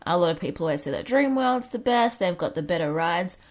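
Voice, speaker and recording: A woman's voice: lowish voice, expressive, brisk. A woman with an Australian accent and a slightly phlegmy, under-the-weather voice, co-hosting a casual chat with dry humour. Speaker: podcast host.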